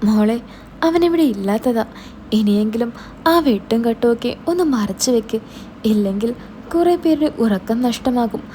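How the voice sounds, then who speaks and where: A woman's voice: on the high side, expressive, normal speed, mellow, slight background noise, lightly acted. A woman voicing an older man, a father-in-law who makes sly, teasing remarks in a storybook tale.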